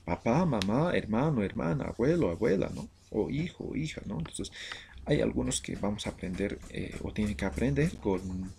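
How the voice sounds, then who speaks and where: Man, from Bolivia, language teacher, slow deliberate vocabulary drill, gravelly, faint noise. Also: lowish voice, big pitch swings, a little mellow. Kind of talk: vocabulary lesson.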